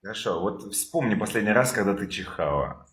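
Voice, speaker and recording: Man, very low voice, calm therapist, echoey room, video call. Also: brisk. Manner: calm, probing, repeats questions. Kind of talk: guided therapy session.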